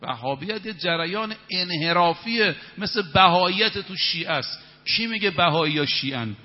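A man's voice: high voice, animated. A man in his fifties delivers an evening sermon in a somewhat raised voice, stressing his points emphatically and chanting verses in Arabic. His words ring with a long reverb through a large hall, and the recording sounds a little muffled. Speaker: preacher.

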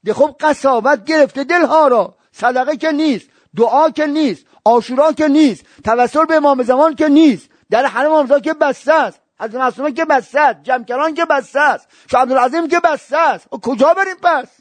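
A man preaching a religious sermon, telling stories and breaking into high wailing cries and chanted verses. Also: hardly any pauses, no room sound. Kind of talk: Shia religious sermon with storytelling.

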